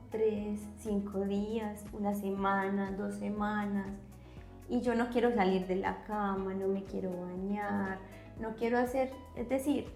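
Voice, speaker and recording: A woman psychologist explaining concepts on a podcast, teacherly, often checking in with a quick question. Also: mid-range voice, a little mellow, reverberant. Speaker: psychologist guest.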